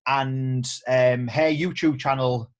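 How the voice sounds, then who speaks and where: A man's voice: medium pitch, fairly even intonation, slow, lo-fi sound. A man, hosting a casual interview, chatty with frequent ums and restarts. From England. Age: 30s. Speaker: host. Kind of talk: casual video-call interview.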